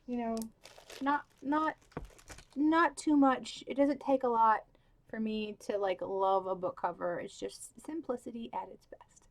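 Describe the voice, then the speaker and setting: A young woman talking casually to camera about book covers, gushing, with lots of "like" and "um", with the hiccups. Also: medium pitch. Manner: gushing, filler-heavy, with many "like" and "um". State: has the hiccups. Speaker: book vlogger.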